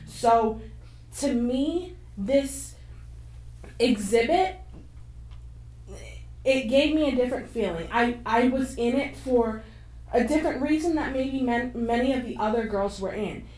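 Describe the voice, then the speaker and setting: A young woman on a panel, telling a candid personal story with animated, frank delivery into a handheld mic on a stage. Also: fairly high pitch, measured pace, long pauses. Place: stage of a screening room with an audience. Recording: echoey hall from far off, faint noise.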